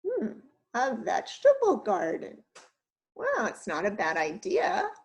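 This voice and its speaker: A woman's voice: mid-range voice, huge pitch swings, slow pace, vocal fry, exaggerated voice. A woman doing a grumpy complaining giant. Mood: grumbling. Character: grumpy male giant sick of beans.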